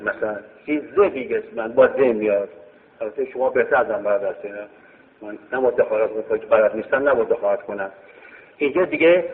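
A man teaching a grammar lesson, explaining step by step and repeating key phrases. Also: mid-range voice. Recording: tinny phone-like sound in a reverberant hall.

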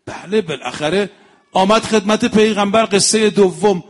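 Animated male preacher. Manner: animated, acts out quoted dialogue with shifting pitch and loudness. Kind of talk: religious lecture with storytelling.

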